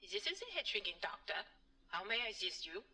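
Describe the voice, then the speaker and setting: A woman's voice: medium pitch, sing-song, fast talker, noisy background, lightly acted. A woman voicing a haughty, condescending British psychiatrist in a point-and-click game. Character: snooty psychiatrist putting on German airs. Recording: distant voice.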